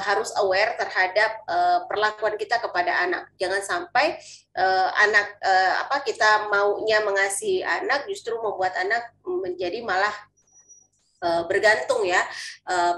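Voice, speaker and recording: A woman's voice: mid-range voice, a bit bright, a little hiss or hum. A woman speaking on a panel, hesitant and full of fillers. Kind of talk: casual panel discussion. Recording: echoey room, faint ambience.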